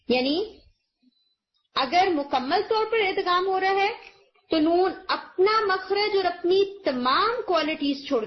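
A woman teacher giving a recorded lesson on recitation rules, explaining patiently step by step and slowing down to demonstrate each sound. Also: high voice. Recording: muffled lo-fi recording.

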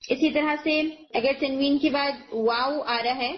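A woman teacher giving a recorded lesson on recitation rules, explaining patiently step by step and slowing down to demonstrate each sound. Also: sits high, fairly even intonation. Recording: muffled lo-fi recording.

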